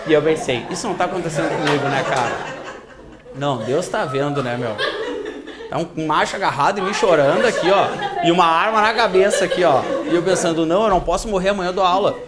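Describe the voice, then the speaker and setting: A man's voice: on the high side, quick pace, over a noisy crowd. A male teacher, telling an anecdote animatedly to a classroom and acting out the voices. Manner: animated storytelling, acts out quoted voices. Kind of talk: classroom lecture with a told anecdote.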